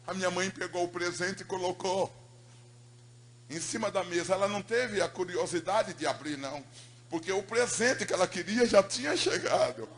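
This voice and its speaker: A man giving an emotional preaching testimony, telling his story dramatically and moving between loud swells and hushed tones. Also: high-pitched, normal speed, slight background noise.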